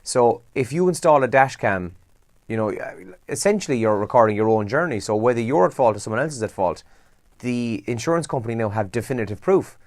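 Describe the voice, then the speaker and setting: A man's voice: mid-range voice, animated, fairly quick, dry recording, clean studio sound. A man with a Kerry Irish accent hosting a breakfast radio show, chatting casually through the morning papers with asides and rhetorical questions. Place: radio studio.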